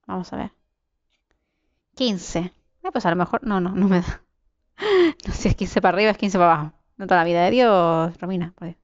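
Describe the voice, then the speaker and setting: A woman's voice: medium pitch, smooth, dry recording, lo-fi sound. A young woman with a Spain Spanish accent giving casual gameplay commentary, chatting to herself and her viewers, with sudden shrieks and swearing. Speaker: gameplay streamer.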